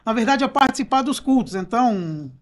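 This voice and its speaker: A man's voice: extremely high pitch, lively intonation, a little fast. A man from Brazil hosting a church podcast, chatting in a rambling way with many fillers and restarts. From Cubatão, Brazil. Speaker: podcast host. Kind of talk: casual church podcast chat.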